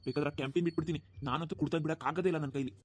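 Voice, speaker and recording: A man's voice: fairly high pitch, fairly even intonation, rapid-fire, over a noisy crowd, lightly acted. A man voicing a stubborn, callous young village husband who drinks, in a cartoon, talking dismissively. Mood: defiant. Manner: dismissive, defiant. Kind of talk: cartoon dubbing.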